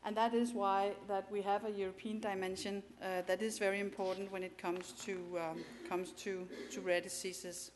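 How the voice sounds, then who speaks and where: A native Danish speaker with a Danish accent presents at a conference, her medium-pitched voice level and at normal speed with few pauses. She still sounds hesitant, restarting sentences and using many fillers, against a noisy background in the hall.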